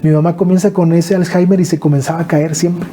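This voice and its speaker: Northern Mexican man, earnest halting storyteller, warm dark voice, faint noise behind. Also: fairly high pitch, steady tone. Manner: earnest, halting, with repeated restarts. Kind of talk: emotional personal storytelling.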